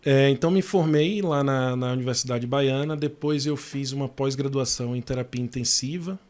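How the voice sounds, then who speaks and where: A physiotherapy professor from Salvador, Bahia, Brazil, is a guest in a casual interview, speaking in a slightly mellow, mid-range voice at a moderate pace. He tells his story comfortably, with fillers and restarts.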